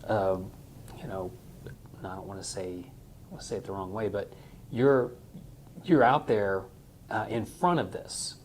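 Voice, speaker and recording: Hesitant low-voiced male interviewer. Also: unhurried, long pauses, a little hiss or hum, rough recording. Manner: hesitant, searching for words. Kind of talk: conversational interview.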